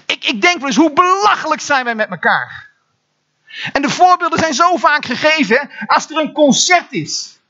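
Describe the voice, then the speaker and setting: Man, Dutch accent, pastor, sermon, animated with repeated words, high bright voice, dull lo-fi church recording. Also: moderate pace. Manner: animated preaching with many repeated words and sudden exclamations. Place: church hall.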